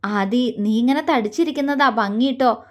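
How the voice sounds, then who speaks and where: A woman's voice: on the high side, normal speed, lightly acted. A woman voicing a coy, affectionate young wife in a romantic audio story. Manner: coy, pouting.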